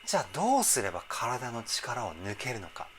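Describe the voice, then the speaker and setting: A male vocal coach talking enthusiastically as he breaks down a song, pausing to try out the parts himself. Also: medium pitch, huge pitch swings, a bit bright, slight background noise. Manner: enthusiastic, explains while trying out sung examples. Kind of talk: reaction and vocal analysis talk.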